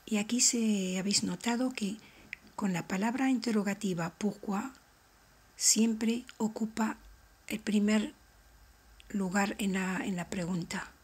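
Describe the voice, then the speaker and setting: A woman teaching a French lesson, explaining grammar and slowly repeating model phrases for learners. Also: mid-range voice, husky. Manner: slow, carefully articulated model phrases, each repeated. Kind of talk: language lesson.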